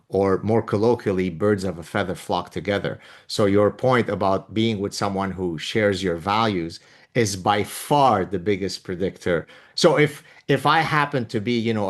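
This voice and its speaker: A man with a Levantine Arabic accent hosts a relaxed conversational interview. His voice sits on the low side, and he explains things like a professor. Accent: Levantine Arabic, Lebanese. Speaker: podcast host and author.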